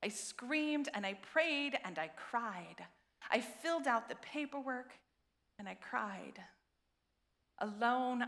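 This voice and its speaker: A woman rabbi delivers a sermon into a pulpit microphone, speaking slowly and with great care. Her pitch sits in an ordinary middle range, and her delivery is earnest and measured, with deliberate repetition. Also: a bit bright. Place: synagogue sanctuary.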